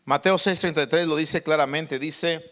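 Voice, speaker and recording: A man preaching a sermon as pastor, stressing and slowly stretching key words. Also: a little high, fairly even intonation, bright, forceful tone, big-room sound.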